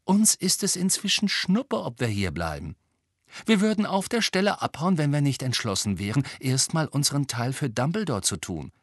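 A man's voice: on the high side, big pitch swings, normal speed, husky, no echo, studio quality, pitched above the performer's own voice, exaggerated voice. A man voicing a cool, teasing teenage boy prankster in an audiobook. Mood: cocky.

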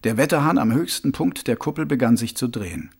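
A man reading a novel aloud as an audiobook, with dramatic, expressive storytelling. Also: mid-range voice, fairly quick, gravelly, breathy edge. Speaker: audiobook narrator. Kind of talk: scripted audiobook narration.

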